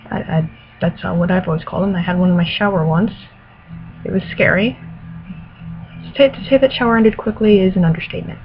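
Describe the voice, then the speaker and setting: A woman speaking casually in a hesitant, think-aloud way, answering questions and reading aloud. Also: fairly low pitch. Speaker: accent challenge participant. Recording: tinny phone-like audio with background noise. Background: radio playing music in the background.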